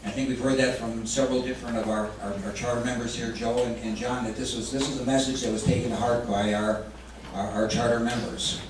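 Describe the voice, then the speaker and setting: Man presenting church history in a booming hall. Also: flat delivery, fairly quick. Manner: conversational, with hesitant fillers. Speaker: event host. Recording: very echoey hall, distant mic, noisy.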